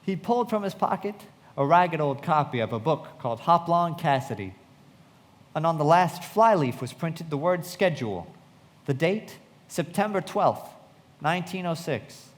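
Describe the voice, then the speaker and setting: An actor narrates a radio play as an earnest, disillusioned young man recalling his friend's death, in a reflective mood. His natural voice is a little high and animated, at a normal speed. It is recorded in a reverberant hall.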